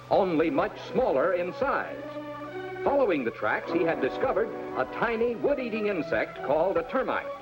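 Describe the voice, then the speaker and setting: A man playing an earnest, dramatic storyteller, narrating a children's adventure in vintage 1950s cartoon style. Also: high voice. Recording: dull vintage cartoon soundtrack with music.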